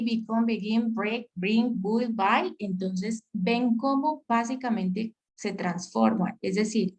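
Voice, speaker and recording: A woman's voice: a little high, rough recording. Patient woman teaching on a video call. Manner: patient, checks understanding with questions. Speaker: English teacher. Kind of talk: online class explanation. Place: virtual session.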